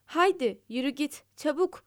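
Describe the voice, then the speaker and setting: A woman's voice: high voice, animated, a little slow, pitched above the performer's own voice. A woman voicing a frightened group of meadow animals in a storybook fable. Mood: scolding. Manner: scolding, anxious.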